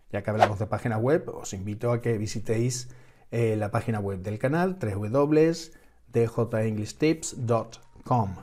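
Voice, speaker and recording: A man's voice: medium pitch, mellow. A man with a Peninsular Spanish accent, teaching English pronunciation in a patient, step-by-step way, repeating each example word. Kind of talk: scripted lesson.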